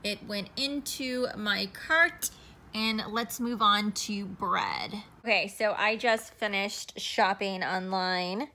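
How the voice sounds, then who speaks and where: A woman's voice: mid-range voice, slow, bright, forceful tone. A woman in her thirties vlogging casually into a phone camera at arm's length, chatty and upbeat with plenty of ums, first at home and then in her car. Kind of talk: casual vlog walkthrough.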